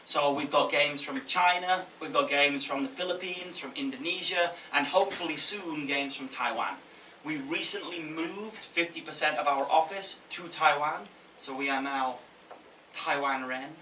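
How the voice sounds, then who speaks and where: Guy doing a casual jokey conference talk, bright forceful voice, echoey room, bit far from the mic. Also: on the high side, moderate pace. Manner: jokey, conversational, checks in with audience. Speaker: game publisher giving a talk. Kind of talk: informal conference presentation. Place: indoor event room with audience. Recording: echoey room from afar, faint noise.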